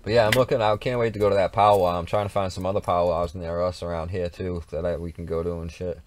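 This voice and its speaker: A man's voice: deep voice, level tone, fast talker, slight background noise. A man co-hosting a casual livestream, chatting in a rambling, repetitive way with plenty of swearing. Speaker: livestream co-host.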